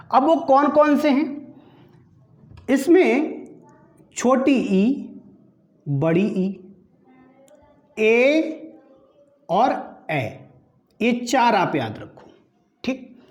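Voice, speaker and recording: A man's voice: very high voice, darkish tone, reverberant, highs cut off. A man teaching an exam-prep grammar lesson, quizzing the class and answering himself while drilling each term. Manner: asks quiz questions and answers them himself, repeating terms; slow, deliberate drilling of each item.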